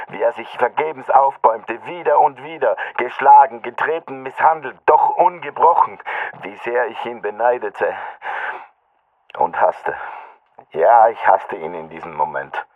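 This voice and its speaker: A man reading a first-person story aloud as an audiobook narrator, in a grave and measured way. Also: lowish voice, no echo. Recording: phone-like narrow band.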